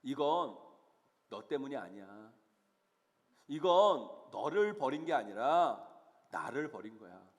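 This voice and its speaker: A male pastor voicing God as a gentle, comforting figure, speaking softly and low. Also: big pitch swings, slow pace, pauses often. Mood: tender. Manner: soft, hushed consoling tone. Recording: long church hall reverb.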